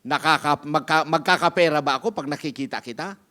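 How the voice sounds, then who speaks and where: A man's voice: on the high side, brisk, sharp tone, pitched below the performer's own voice. A man voicing a bitter, complaining grown man who is angry at his life and grumbles through a storytold sermon.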